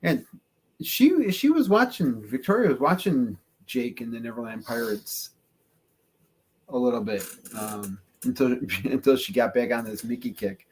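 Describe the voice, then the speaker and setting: A man's voice: mid-range voice, big pitch swings, unhurried, slight background noise. A man co-hosting a casual chat in a laid-back, joking way. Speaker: co-host.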